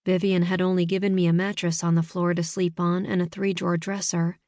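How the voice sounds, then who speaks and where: A woman reading first-person scripted narration for an audiobook in a measured storytelling manner, in a studio. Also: on the low side, level tone, a little mellow, no room sound.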